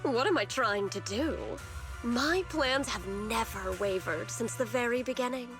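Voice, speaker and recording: A fanatical female schemer acted by a woman speaks in a fairly high, unhurried voice. She is theatrical and condescending, a video game villain heard over loud music. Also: close to an everyday voice. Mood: smug, mocking. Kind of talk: scripted video game voice acting.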